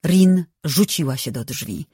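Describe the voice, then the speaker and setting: An audiobook narrator reading a novel in a measured, even way on a close microphone. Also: mid-range voice, breathy edge, no echo.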